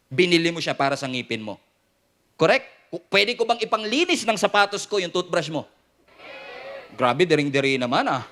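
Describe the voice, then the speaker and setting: Masiglang pastor na lalaki. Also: male voice, high-pitched. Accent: Filipino. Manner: animated, playful, mixes Tagalog and English. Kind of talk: sermon.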